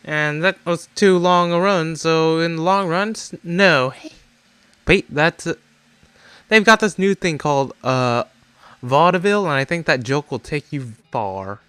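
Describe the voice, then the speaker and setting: A man's voice: fairly high pitch, lively intonation, unhurried, bright, forceful tone, clean tone, dry recording. A man streaming a game, reading its dialogue aloud with jokey asides. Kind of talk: casual game playthrough. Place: home streaming setup. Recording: dry close mic with faint game music.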